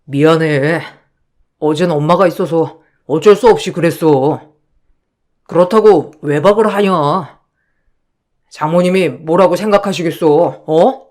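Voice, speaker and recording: A meek young husband, played by a man, pleads in a high, slow voice to smooth things over. His tone stays placating throughout this radio drama. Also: darkish tone, lightly acted. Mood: pleading.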